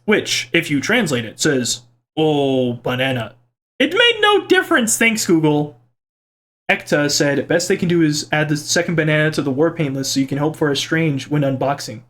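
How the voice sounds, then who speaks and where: A young man at a home computer mic, casually reading viewer comments in a playful, rambling way. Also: a little high. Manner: playful, rambling, easily amused. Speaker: gaming vlogger reading comments. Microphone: desk microphone at a computer.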